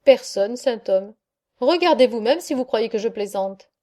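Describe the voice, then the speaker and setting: A woman's voice: a little high, expressive, moderate pace, mellow, lightly acted. A woman reading an audiobook voices Saint Peter, a fatherly old gatekeeper of heaven who speaks genially and without hurry. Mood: musing.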